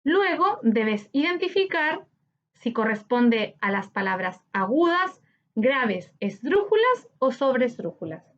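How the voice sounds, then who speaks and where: Slow, lively woman teaching grammar. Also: high-pitched. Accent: Chilean Spanish. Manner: slow, clear, syllable-by-syllable teaching delivery. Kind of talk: recorded grammar lesson for children. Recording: slightly dull lo-fi audio.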